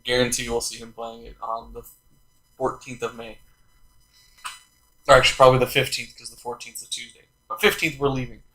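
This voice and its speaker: A man's voice: medium pitch, flat delivery, brisk, long pauses, fairly bright tone, low-quality recording. A young man hosting a casual podcast chat, rambling with fillers and laughing often. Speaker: podcast host.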